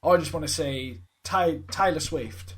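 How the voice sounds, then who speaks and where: A man's voice: on the high side, unhurried. A man co-hosting a podcast, teasing his friends and swearing freely in casual banter. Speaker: podcast co-host.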